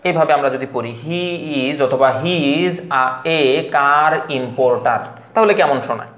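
A man teaching English pronunciation to learners, explaining each rule step by step and drawing out example words slowly. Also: a little high. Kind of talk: classroom-style explanation. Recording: echoey room.

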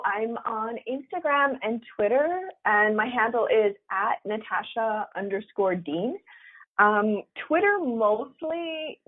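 A woman author chatting as an interview guest, telling stories and acting out quotes with big jumps in pitch. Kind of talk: casual interview chat. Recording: tinny phone line.

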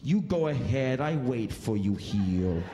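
A pushy cab driver, played by a man telling a story on stage, drags out his broken-English sales pitch in a slow, wheedling drawl. The voice rings through a big echoey hall. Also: lively intonation, heavy background noise. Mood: sulky.

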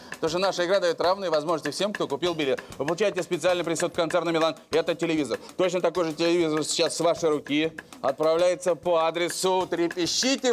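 A middle-aged man hosting a TV lottery show as a bingo caller, announcing numbers and prizes in a theatrical, drawn-out showman's manner. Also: a little high. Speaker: TV lottery game show host. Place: TV studio with seated audience.

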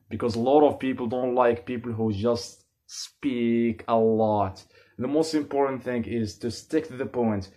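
A young man from Morocco teaches English phrases in a casual video lesson from a small bedroom. He talks in a lively way with many gestures and slows down to say each example clearly. He is recorded on a camera facing him. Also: mid-range voice. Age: 20s. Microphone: camera in front, medium framing.

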